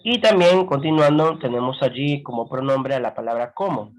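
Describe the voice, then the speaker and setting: A man teaching a grammar lesson, explaining slowly and checking in with frequent rhetorical questions. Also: mid-range voice, poor audio. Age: adult with a grown son.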